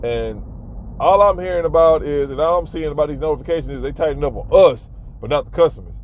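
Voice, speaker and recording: A man's voice: fairly high pitch, quick pace. A man vlogging casual advice to fellow delivery shoppers, talking emphatically and repeating himself to drive his points home. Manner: emphatic, repetitive, advising viewers directly. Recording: tinny phone-like audio with faint car noise.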